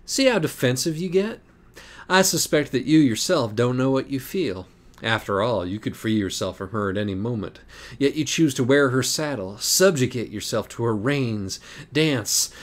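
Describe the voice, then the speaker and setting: A man's voice: medium pitch, animated, moderate pace, pitched above the performer's own voice, lightly acted. A man voicing a smug, mocking male cat in an audiobook. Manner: mocking, probing.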